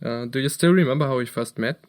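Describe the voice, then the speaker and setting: A man's voice: mid-range voice, fast. A young man from Germany, co-hosting a podcast and talking earnestly about his background. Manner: earnest, steady, occasional restarts. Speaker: podcast co-host. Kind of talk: casual chat.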